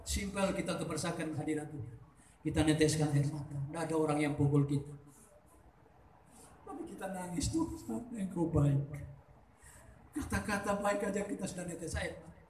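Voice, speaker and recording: A middle-aged man preaching a sermon, swinging between soft, intimate asides and loud, fervent peaks. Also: fairly high pitch, a little fast, echoey room, slight background noise.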